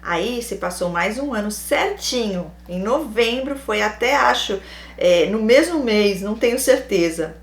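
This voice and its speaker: Brazilian lady reading a listener's story out loud, mid pitch, lots of side comments, echoey room. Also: measured pace. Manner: animated, acts out quoted lines, adds wry comments. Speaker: host reading a listener's letter. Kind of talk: reading a personal story aloud with asides. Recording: roomy echo.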